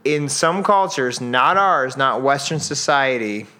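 A man's voice: medium pitch, expressive, unhurried, pushed and bright. A young man co-hosting a podcast, chatting casually with jokes and lots of fillers. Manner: joking, rambling with many fillers. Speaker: podcast co-host. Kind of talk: casual chat.

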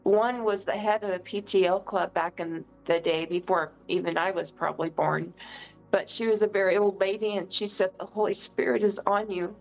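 A middle-aged woman from California giving an earnest, emotional testimony as an interview guest, telling stories with lively feeling. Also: mid-range voice, normal speed, soft background music, low-quality recording. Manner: emotional, earnest, animated storyteller. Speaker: political candidate, guest.

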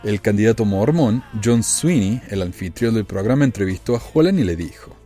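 A man with a low, dark voice comments on the news in a casual, chatty way. His tone rises and falls a lot as he makes wry asides and rhetorical questions. Faint music plays behind him. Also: expressive, moderate pace. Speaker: podcast host.

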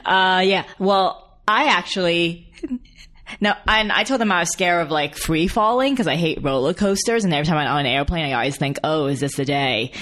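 A woman with a notably low voice chats casually as a podcast co-host. She sounds earnest and reflective and speaks in quick bursts. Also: a bit bright. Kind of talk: casual chat.

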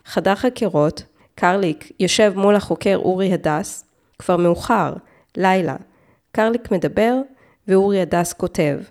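A woman narrating a true-crime story, reading in a measured way with short, clipped phrases. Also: on the low side, a little mellow. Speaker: podcast narrator.

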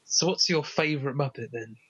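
A man's voice: mid-range voice, fairly quick, muffled recording, a crowd in the background. A man co-hosting a casual comedy chat about films, rambling and correcting himself as he goes. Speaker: co-host.

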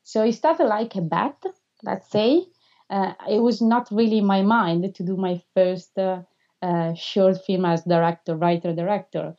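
An Italian woman in her thirties, a filmmaker, answers interview questions in English, which is her second language. Her medium-pitched voice is mellow and warm and a little slow, and she hesitates often, with many filler sounds and non-native phrasing. The recording sounds somewhat dull and lo-fi.

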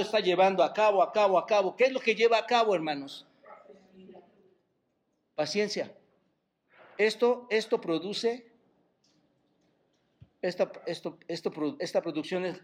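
A man preaching a sermon as pastor, asking the congregation rhetorical questions and drawing out key words for emphasis. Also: a little high. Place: church service.

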